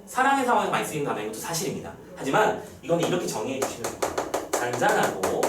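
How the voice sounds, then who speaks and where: A male teacher gives a lively classroom lecture and keeps asking his students if they follow. His pitch sits a little high and swings widely. He sounds distant from the mic in a roomy space with faint background noise. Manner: lively, checks in often with "right?".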